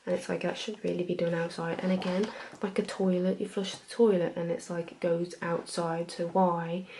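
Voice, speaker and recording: Chatty female librarian, acted by a woman, gentle ASMR role-play, dark relaxed tone, noisy recording. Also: fairly low pitch, moderate pace, gravelly. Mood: soft, chatty. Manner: soft-spoken, gentle, informal. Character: friendly, chatty female librarian recommending books.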